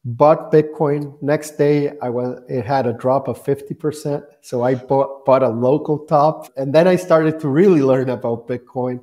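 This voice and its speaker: A man in his forties from Guatemala, a company founder speaking as a guest on a video call with an earphone mic, telling his story in a relaxed way with plenty of fillers. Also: medium pitch, unhurried, few pauses. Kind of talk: conversational interview answers. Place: bright office room, indoors.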